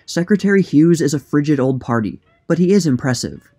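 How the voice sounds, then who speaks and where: A man narrating a scripted text in measured, written prose as a reader. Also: a little high, animated, mellow, slightly rough, faint music behind. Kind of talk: scripted narration, reading a period magazine article.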